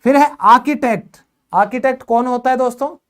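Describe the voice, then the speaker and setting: A woman teaching English in a video lesson, quizzing her learners and urging quick answers, repeating each word slowly for drill. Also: high-pitched. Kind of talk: classroom-style video lesson.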